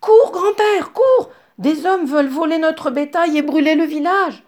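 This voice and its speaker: A woman's voice: high-pitched, unhurried, voice pushed up. A woman doing a frantic little girl. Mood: urgent, alarmed. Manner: shouting in alarm. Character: brave little village girl, urgent.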